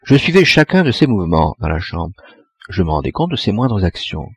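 A man reading a classic story aloud with measured, expressive narration. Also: deep voice, creaky, husky, dry recording. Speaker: audiobook reader. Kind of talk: audiobook narration.

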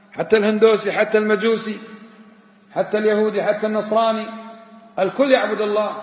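High-voiced man teaching in an echoing hall. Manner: emphatic, repeats words and quizzes listeners with rhetorical questions. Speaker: sheikh teaching a religious text. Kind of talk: religious lesson. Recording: echoey hall with long reverb.

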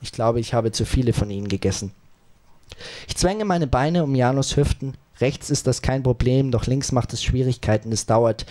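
Man calmly reading a first-person audiobook. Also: medium pitch. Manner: calm, measured reading in short phrases. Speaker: audiobook narrator.

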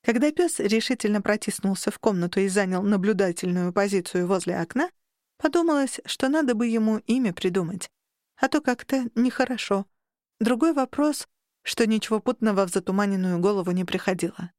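Woman narrator, first-person audiobook, expressive, wry, dead-dry studio sound. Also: medium pitch, a little fast, no echo.

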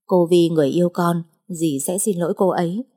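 A woman's voice: lowish voice, steady tone, a little fast, warm tone, husky. A woman doing a desperate, pleading mother. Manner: imploring, insistent. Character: desperate middle-aged mother, tearful and pleading.

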